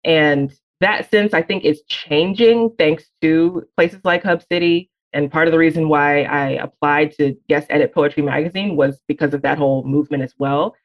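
With the highs cut off, this clip captures a low-voiced poet from Birmingham, Alabama, who has no Southern accent. She reads her poem with slow, weighted emphasis, then shifts into frank, reflective interview answers and occasional light laughs.

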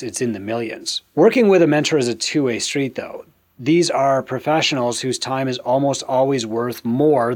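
A middle-aged man hosting a business advice show, delivering a scripted monologue in a tidy, structured and emphatic way with deliberate phrasing. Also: medium pitch.

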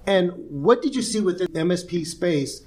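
A man hosts an interview podcast in a fairly high voice. He sounds upbeat and emphatic, and he stretches out his introductions and questions. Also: lively intonation, normal speed. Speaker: podcast host. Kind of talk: interview hosting.

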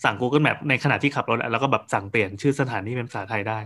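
A man hosting a casual tech podcast, telling stories in an animated way and swearing casually. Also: mid-range voice, racing.

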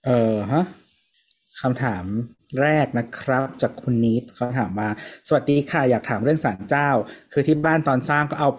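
A man co-hosting a casual podcast, reading out listener questions and teasing their spelling. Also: mid-range voice. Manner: fast, teasing, breaks off to joke. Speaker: podcast co-host.

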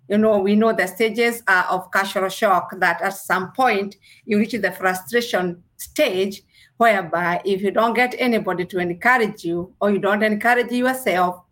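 Earnest and pausing in measured fashion, a Kenyan nurse responds to interview questions in her Kenyan accent. She speaks at a medium pitch with a somewhat bright voice.

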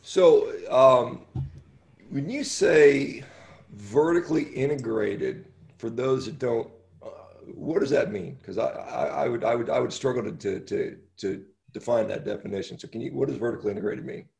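American guy hosting a podcast, relaxed low-key tone, lots of fry, kinda rambles and stumbles over words. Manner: halting, rambling, repeats himself. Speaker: podcast host, interviewer. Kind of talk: casual interview chat.

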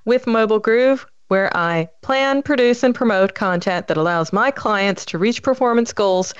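A woman's voice: medium pitch, moderate pace, clear, resonant tone, no echo, lo-fi sound. A woman hosting a marketing podcast, chatty and enthusiastic, often repeating words as she talks. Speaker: podcast host. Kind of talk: casual interview chat.

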